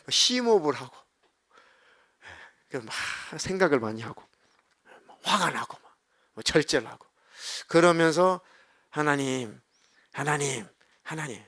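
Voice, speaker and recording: A man's voice: on the high side, fairly bright tone, dry recording, clean studio sound. A middle-aged man preaching a sermon as pastor, speaking conversationally and acting out prayers and quoted speech.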